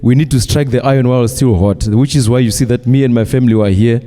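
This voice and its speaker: A man testifies before a congregation, his voice mellow and warm at a middle pitch. He speaks in a measured way, pausing often, and the long reverb of a church hall trails after his words. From Zimbabwe. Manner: measured, with frequent hesitations. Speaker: church member giving testimony.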